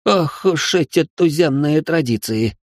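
A man's voice: lively intonation, brisk, a little mellow, dry recording, studio quality, natural voice. A man voicing a prissy young male aristocrat who is easily shocked and talks in a whiny, exasperated way, in a comic storybook reading. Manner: whiny, exasperated, high strained voice.

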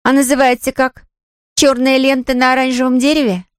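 A woman voicing a sharp-tongued older sister who teases her little brother sarcastically. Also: high voice, level tone, brisk, clean tone, no room sound, clean studio sound, voice pushed up, natural voice. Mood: mocking. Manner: mocking, sarcastic.

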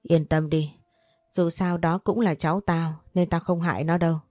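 A woman's voice: low-pitched, fairly even intonation, moderate pace, a little mellow, dry recording, clean studio sound, faint music behind, natural voice. A woman voicing a spiteful, cruel young aunt who talks in harsh, contemptuous threats in an audio story. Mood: sneering threats.

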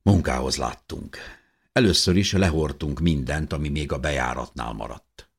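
A man reading a first-person story aloud in a calm, measured way. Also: a bass voice, creaky, husky. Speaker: audiobook narrator. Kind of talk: scripted first-person narration.

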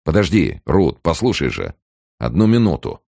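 A man's voice: a bass voice, huge pitch swings, moderate pace, creaky, darkish tone, husky, no echo, clean studio sound, voice pushed up, full character voice. A man reading an audiobook and voicing a selfish, cowardly young male student in a nervous, wheedling manner. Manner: anxious, wheedling, turning nasty.

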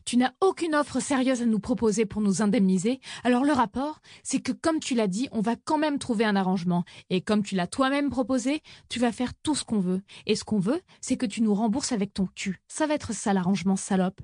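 A woman's voice: fairly high pitch, expressive, fairly quick, hardly any pauses, darkish tone, no echo, studio quality. A woman reading an audiobook and voicing a blunt, menacing young woman who swears and bosses others around. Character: bossy, foul-mouthed young woman, aggressive.

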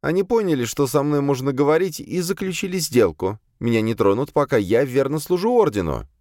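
A man's voice: medium pitch, animated, brisk, a little mellow, no echo, clean studio sound, voice pushed up, natural voice. A man voicing a young female demon disguised as a servant, speaking meekly and deferentially in an audiobook. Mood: subdued, confessing. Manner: timid, deferential, pleading.

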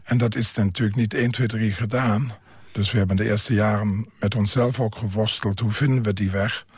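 Older man, low husky voice, halting. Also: fairly even intonation, no echo. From Germany. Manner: hesitant, halting with many pauses and fillers. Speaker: psychiatric care worker and author. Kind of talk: radio interview.

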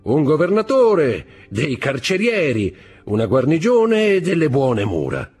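A man reading aloud voices a calm, wry male gendarme who answers in slow, dry replies. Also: a little high, breathy edge, faint music behind, pitched above the performer's own voice, heavily acted.

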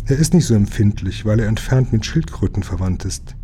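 A man's voice: lowish voice, animated, a little fast, mellow, a little hiss or hum, lightly acted. A man voicing an eager, lisping little sea princess in a read-aloud storybook. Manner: eager, pleading.

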